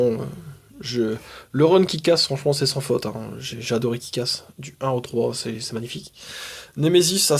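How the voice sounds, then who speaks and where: A young man casually reviewing his comics collection, enthusiastic, with frequent hesitations and fillers. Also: mid-range voice.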